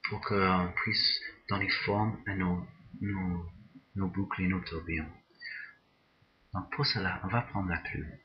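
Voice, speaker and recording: A man teaching a software drawing tutorial, talking slowly and hesitantly, often repeating words as he works. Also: sits low, fairly even intonation, muffled recording. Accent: non-native English pronunciation. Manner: slow, hesitant, repeats words while working. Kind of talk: screen-recorded software tutorial.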